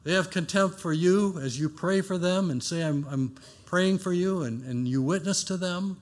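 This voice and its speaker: A man preaching a sermon, rising for quoted cries and dropping low and soft at the ends of phrases. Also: normal speed.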